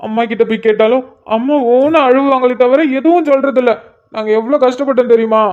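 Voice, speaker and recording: A cartoon figure of a soft-hearted young man, voiced by a woman, emotional and sniffly with a very high voice. The audio is a little muffled and lo-fi. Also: brisk, natural voice. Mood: tearful. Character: tearful sentimental young man meeting an old friend. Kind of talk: cartoon voice acting.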